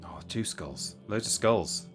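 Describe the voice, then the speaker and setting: A man's voice: sits low, expressive, unhurried, music in the background. A man giving casual game commentary on a live stream, rambling and thinking aloud.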